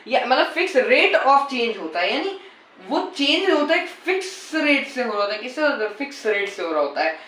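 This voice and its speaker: A man's voice: extremely high pitch, sharp tone, roomy sound. A man teaching physics in a casual lecture style. He repeats key points and coaxes and teases his students as he goes. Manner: repetitive, coaxing, teasing the students.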